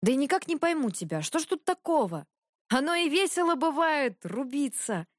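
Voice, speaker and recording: A woman voicing a lively, teasing young tsar's son who pokes fun at his brother. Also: sits high, moderate pace, no echo, clean studio sound, voice pushed up. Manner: teasing, animated.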